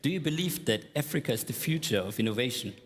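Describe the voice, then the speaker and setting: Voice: mid-range voice, lively intonation, fast talker. An enthusiastic moderator with a mid-range voice puts questions to panelists on stage. A long reverb from the large hall trails after each phrase. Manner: enthusiastic, reacts with repeated exclamations.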